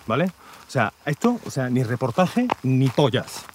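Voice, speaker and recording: A man's voice: medium pitch, very animated, a little slow. An actor playing an irritable, foul-mouthed TV cameraman who keeps losing patience. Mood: exasperated. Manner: irritable, swears a lot, shouts in bursts. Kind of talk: audio drama acting.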